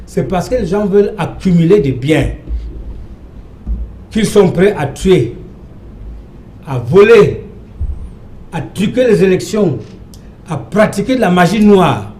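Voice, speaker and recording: A man's voice: high-pitched, animated, slow, long pauses, mellow, reverberant. An older professor from Cameroon arguing emphatically as a guest on a televised panel debate, often repeating his phrases. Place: TV studio.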